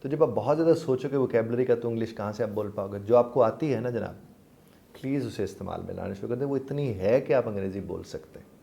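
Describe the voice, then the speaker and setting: A man's voice: mid-range voice, creaky, mellow. A man, a life coach and trainer, patiently explaining with polite forms of address to his listeners.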